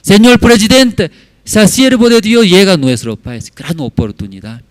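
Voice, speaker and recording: A man's voice: fairly high pitch, animated, unhurried, smooth, no echo, voice pushed up. A man voicing a tearful woman church member who pleads emotionally. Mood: pleading.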